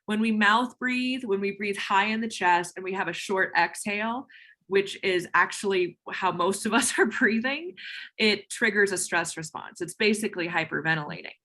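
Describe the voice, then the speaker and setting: A woman yoga instructor explains her training methods in a brisk, emphatic, teacherly way. Her voice has a clear, bright edge, and her pitch sits in the middle range. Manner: energetic, emphatic teacher's delivery. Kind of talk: explaining on a call-in Q&A.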